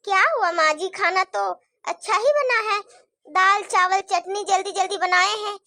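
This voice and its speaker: A woman's voice: very high voice, normal speed, no echo, clean studio sound, heavily acted. A woman voicing a tired young wife and mother who pleads and defends herself in a cartoon story. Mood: pleading. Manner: pleading, defensive, soft complaining. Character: weary put-upon young wife with children.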